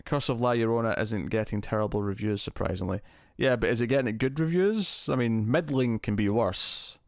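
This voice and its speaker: A man hosting a casual live stream, chatting to viewers and thinking aloud, his voice heavily compressed to an even level on a close mic. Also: fairly low pitch, normal speed, no echo.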